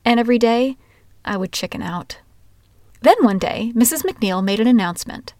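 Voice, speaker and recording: A woman from Washington state narrating her own life story in a wry, candid, expressive way. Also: a little high, normal speed, no echo, studio quality. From Washington, USA. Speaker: memoir narrator. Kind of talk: first-person storytelling.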